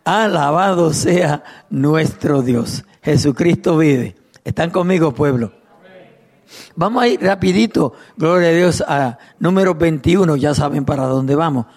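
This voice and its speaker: A middle-aged pastor preaches a fervent sermon, reading scripture aloud and calling out praise directly to his congregation. His voice sits on the high side, expressive and unhurried, with a darkish tone.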